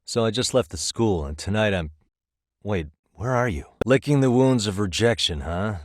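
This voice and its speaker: In English video game voice acting, a man plays a streetwise private detective who is cool, wry, and dogged, with an American accent and casual, conversational delivery. His voice is on the low side, expressive, and natural at a moderate pace. The clean studio recording has no room sound.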